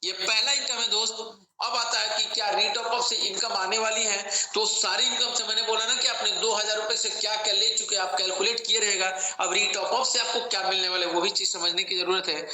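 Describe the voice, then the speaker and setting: A man giving a sales pitch for an income plan, talking to listeners as friends again and again and mixing in English phrases. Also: fairly even intonation, a little fast, sharp tone. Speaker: network marketing plan presenter. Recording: very echoey room with faint noise.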